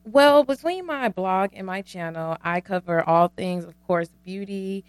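A woman's voice: medium pitch, a little slow, smooth, dry recording. A woman guest blogger answering interview questions in an earnest, explaining way.

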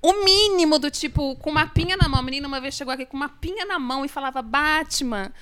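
A young adult Brazilian woman on a talk show panel, animated and quick to act out the people in her stories. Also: high voice. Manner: animated, mimics people in quotes. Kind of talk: lively panel chat.

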